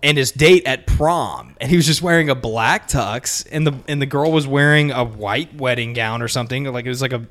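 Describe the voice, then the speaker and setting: A man in his twenties, a podcast co-host, telling a story in a rambling, animated way full of filler. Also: medium pitch, normal speed, hardly any pauses. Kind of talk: casual storytelling among friends.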